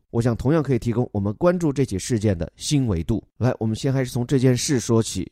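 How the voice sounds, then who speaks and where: A man teaching English vocabulary and grammar from news headlines, explaining patiently and slowing down to read English phrases. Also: mid-range voice, warm tone, no room sound, clean studio sound.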